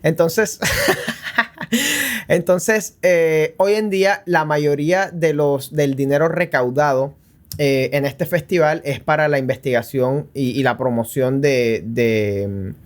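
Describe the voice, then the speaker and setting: A man's voice: fairly high pitch, fairly even intonation, unhurried. A man with a Caribbean coastal Colombian accent co-hosting a podcast in casual, slangy chat with crude, joking humour. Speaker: podcast co-host.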